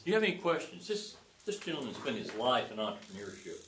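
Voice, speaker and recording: A man moderating a session, relaying questions in a polite, brisk way. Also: mid-range voice, sing-song, fairly bright tone. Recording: distant, echoey, faint noise.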